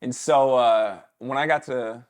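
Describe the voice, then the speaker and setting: This is a thirty-something ex-professional football player recounting stories in an informal interview, occasionally impersonating his coach's hollering. His mid-range voice runs a little slow.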